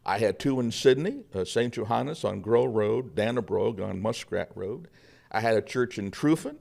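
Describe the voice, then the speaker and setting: A man's voice: medium pitch, expressive, moderate pace, creaky, a little mellow. A man playing a humble, cheerful Norwegian immigrant pastor from the 1800s, telling his life story folksily in the first person with plenty of fillers. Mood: proud recounting. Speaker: guest, historical reenactor. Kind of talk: first-person historical character portrayal.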